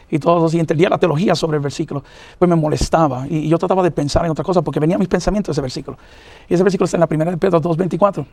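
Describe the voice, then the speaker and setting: Middle-aged guy preaching his testimony, rushes along, lots of uhs, pretty high voice, dry close sound. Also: darkish tone, no echo. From New York, of Puerto Rican parents. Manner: earnest, halting, many fillers. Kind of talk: personal testimony in an interview.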